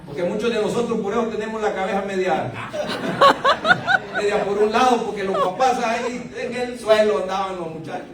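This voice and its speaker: An older man, a pastor, delivering a lively sermon with frequent laughs and exclamations. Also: high-pitched, quick pace, hardly any pauses, very noisy. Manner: animated preaching with frequent laughter, rising to exclamations. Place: church sanctuary. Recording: echoey church hall, voice from a distance.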